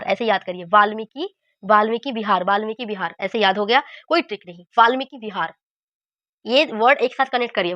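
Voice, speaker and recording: A woman teacher walks through memory tricks with patient, repetitive coaching. Her voice sits a little high. The sound is dry and slightly muffled, with no room around it. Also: fairly bright tone, no echo.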